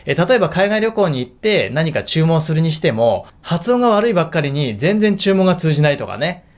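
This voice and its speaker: A man teaching in an emphatic, lively way in a video lesson. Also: fairly high pitch, fairly quick. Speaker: English teacher.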